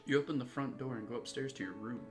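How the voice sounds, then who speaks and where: A man's voice: medium pitch, fast talker, music in the background. A man streaming a visual novel, reading the narration aloud in a wry, playful way. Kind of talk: casual reading and joking.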